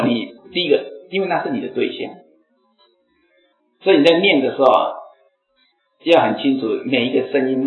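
A slightly hoarse man giving a Buddhist dharma talk to a seated audience, explaining and chanting examples aloud. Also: mid-range voice. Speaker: Buddhist teacher. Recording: echoey phone-like lecture recording, faint music.

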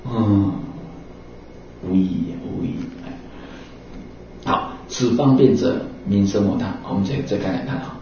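A man preaches Buddhist teaching in a casual, chatty way, dropping in fillers and little acted-out exchanges. His voice is soft and mellow. He sits away from a dull mic in a very echoey hall. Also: lowish voice, measured pace, pauses often, a little hiss or hum. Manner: conversational, acts out little dialogues, many fillers like 啊 and 哦. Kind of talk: sermon. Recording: roomy echo from a distant, dull mic.

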